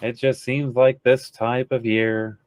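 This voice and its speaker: A man's voice: mid-range voice, little pitch movement, slow pace, darkish tone, smooth, dry recording. A man playing in a tabletop game, chatting in a dry, matter-of-fact way. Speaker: player. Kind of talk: casual tabletop chat.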